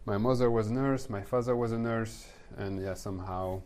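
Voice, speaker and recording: A middle-aged French man with a French accent, speaking as a podcast guest in a calm, thoughtful way, sometimes searching for words. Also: fairly low pitch, normal speed. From France. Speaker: guest, manifestation coach. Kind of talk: podcast conversation.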